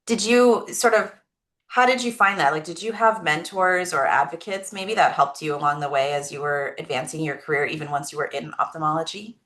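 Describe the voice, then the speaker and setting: A woman's voice: low voice, brisk, fairly bright tone. A woman hosting an online interview who introduces the guest and asks questions in a friendly, upbeat way. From California. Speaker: interview host.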